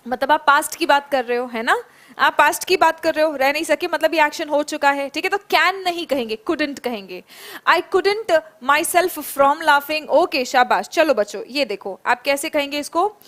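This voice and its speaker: Woman, high voice, online spoken English teacher, encouraging, slow repeated drills. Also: a bit bright. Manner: encouraging, calls students by name and praises them; repeats and drills phrases slowly. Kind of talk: live online class, reading out student answers.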